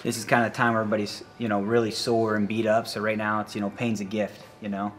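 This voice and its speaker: Low-voiced coach full of "you know"s. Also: male voice, monotone. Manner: rambling, fills every pause with "you know" and "um". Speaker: college wrestling coach. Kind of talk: casual facility tour talk. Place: indoor college wrestling facility.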